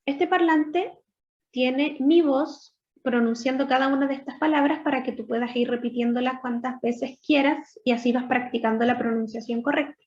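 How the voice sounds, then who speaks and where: A woman teacher speaks in a high voice, patiently walking through each point in a recorded online lesson. She slows down to model English words. The sound is dull and lo-fi. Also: steady tone. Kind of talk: recorded online lesson explaining grammar and pronunciation.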